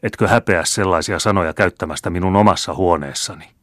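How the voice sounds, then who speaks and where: A harsh old village witch, voiced by a man reading the tale, scolds in a low, curt voice. The recording is close and dry, with no room sound. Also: fairly even intonation, a bit bright, no echo. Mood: stern. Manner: snapping, scolding. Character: stern old woman, short-tempered village witch.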